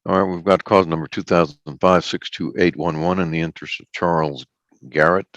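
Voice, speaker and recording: A man with a gravelly voice, a judge in a formal court hearing on a video call, reciting the oath by rote. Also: deep voice, steady tone, a little fast, a bit bright, no echo. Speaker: judge presiding over hearing. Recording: dull online meeting audio.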